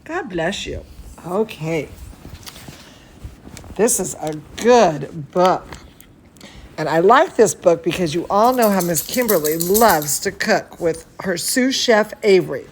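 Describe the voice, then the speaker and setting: Reading a bedtime story for young children, a storytelling host who also teaches cooking breaks in with warm, chatty asides and exclamations. She speaks slowly in an animated, lowish voice, and the rough recording carries a little hiss or hum.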